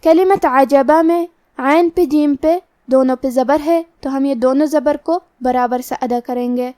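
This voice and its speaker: A woman with a high voice teaches Quran recitation, explaining each rule methodically, word by word. The sound is dry and close, with no room echo. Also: dark tone. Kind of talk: tajweed lesson.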